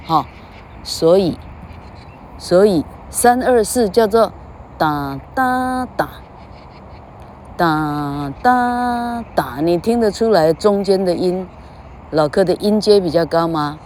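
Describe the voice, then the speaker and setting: A woman's voice: lowish voice, a little slow, dark tone, slight background noise. A woman giving a comedic mock English lesson, lecturing and singing out long drawn vowels. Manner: lecturing, sings out drawn vowels, tags lines with "哈".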